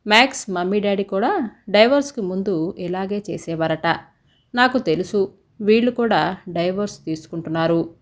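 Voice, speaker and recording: A woman's voice: mid-range voice, normal speed, lightly acted. A woman voicing a young boy grandson in a storybook, sobbing and pleading as he talks. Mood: upset. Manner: sobbing, pleading child talk.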